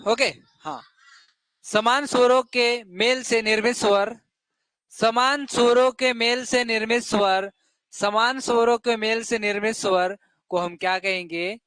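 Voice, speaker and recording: A man's voice: very high voice, fairly even intonation, unhurried, fairly bright tone, clear, resonant tone, no room sound. A male teacher giving a classroom lesson to children, asking questions and drilling the answers over and over.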